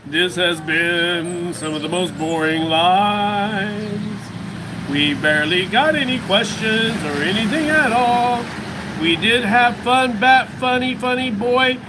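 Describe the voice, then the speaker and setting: High-voiced American man rambling on a livestream. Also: takes it slowly, noisy background. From United States. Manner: rambling, musing aloud to viewers. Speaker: livestream host. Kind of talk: casual livestream chat.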